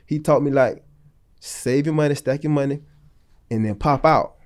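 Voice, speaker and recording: A man in his late thirties from North Florida appears as a podcast guest, telling long stories in a loose, slangy, rambling way during a casual storytelling interview. His voice is a little high and a little mellow, at normal speed.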